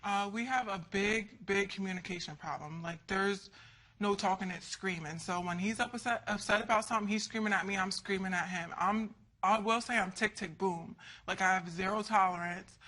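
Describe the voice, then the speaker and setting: A woman with a bright, forceful voice speaks as a litigant in a TV court. She complains bluntly and conversationally, acting out bits of past arguments as she goes. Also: mid-range voice, moderate pace. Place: TV courtroom studio.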